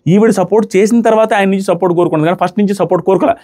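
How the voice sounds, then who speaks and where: A man speaks in a high voice at a quick clip, recapping a reality show episode. He acts out the contestants' arguments as he goes. The delivery is animated and casual. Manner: rapid animated recap, acting out contestants' words. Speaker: show reviewer.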